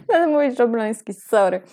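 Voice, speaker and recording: A woman's voice: a little high, expressive, a little slow, warm tone. A young woman co-hosting a casual true-crime podcast, playful and laughing often. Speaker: podcast co-host.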